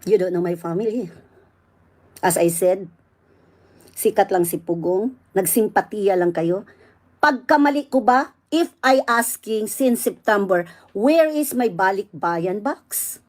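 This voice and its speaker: Isang babaeng Bisaya na may punto ng Visayas, malakas at galit na nagra-rant sa livestream habang nagbebenta online, halo-halong Ingles ang salita. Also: female voice, medium pitch, expressive, slow. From Visayas, Philippines. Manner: loud indignant ranting, mixing English in.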